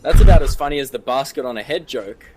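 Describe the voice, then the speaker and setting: Over a clearly noisy background, a man calls a live esports match fast in a medium-pitched voice. His commentary is playful, slangy and full of jokes and casual banter.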